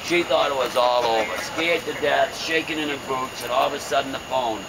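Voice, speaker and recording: A man's voice: mid-range voice, fairly quick, very noisy. A man working as a ghost tour guide, telling a story casually and dramatically with wry, folksy humour and suspenseful phrasing. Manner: folksy, wry, joking delivery.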